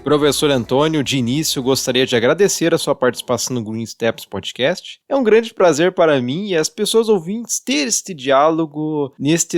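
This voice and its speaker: A man from Brazil hosting a podcast, reading a scripted introduction and asking questions in a measured, formal way. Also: mid-range voice, no echo, clean studio sound. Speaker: podcast host.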